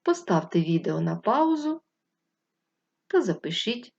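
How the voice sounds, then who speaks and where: A woman teaching first graders, speaking patiently and clearly and drawing out syllables. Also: medium pitch, big pitch swings, unhurried, darkish tone. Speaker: primary school teacher. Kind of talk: slow, clear remote lesson for first graders. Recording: dull lo-fi recording.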